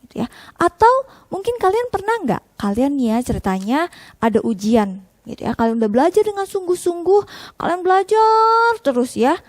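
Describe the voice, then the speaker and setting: A woman's voice: very high-pitched, moderate pace, no echo. A woman teaching Sunday school, speaking directly to the children and asking them questions. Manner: animated, talks directly to the children with many questions. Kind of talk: storytelling lesson for children.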